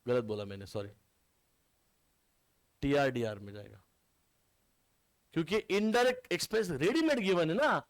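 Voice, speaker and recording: A man's voice: a little high, no room sound. A man teaching accounts to a class, quizzing his students and mixing terms into his speech. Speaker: commerce teacher. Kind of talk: classroom lecture.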